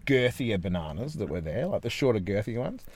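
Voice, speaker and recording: A man's voice: fairly low pitch, very animated, brisk, a little mellow. Cheeky Australian man, casual podcast host. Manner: cheeky, sweary, storytelling. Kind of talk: casual bantering chat.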